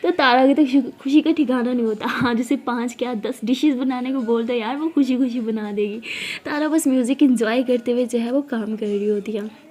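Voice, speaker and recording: A woman's voice: a little high, normal speed, darkish tone. A woman narrating a love story in a chatty, casual way with conversational asides.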